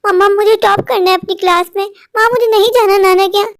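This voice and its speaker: A woman's voice: extremely high pitch, fairly even intonation, fast. A woman voicing an anxious little boy in a cartoon story, whiny and insistent. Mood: upset. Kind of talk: dubbed Hindi cartoon story.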